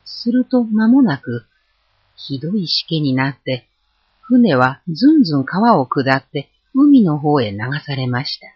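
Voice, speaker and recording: A storyteller reads a folk tale aloud with a lively, expressive delivery. The voice is husky, and its pitch moves a lot. The recording is dull and lo-fi. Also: a little slow, dry recording.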